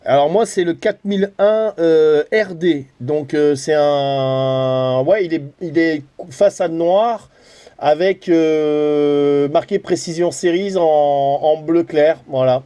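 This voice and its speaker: Speaking slowly and smoothly in a warm voice that is a little high, a middle-aged man from France chats in a relaxed, colloquial way over CB radio. He is a hobbyist CB operator who also vlogs.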